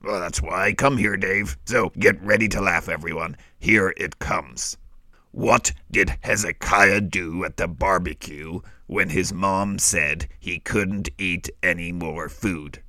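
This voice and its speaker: Guy doing a deep, bright-toned little wolf, super dry and easygoing. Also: slow, dry recording, heavily acted. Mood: deadpan. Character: laid-back small wolf, male, joke teller.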